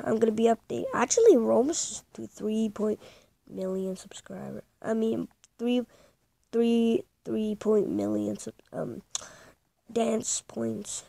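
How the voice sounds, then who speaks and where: Slow, gravelly woman rambling over gameplay. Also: fairly high pitch, no room sound. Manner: rambling, hesitant, many ums; hushed at times so as not to wake someone. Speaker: gaming channel host. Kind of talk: casual game commentary.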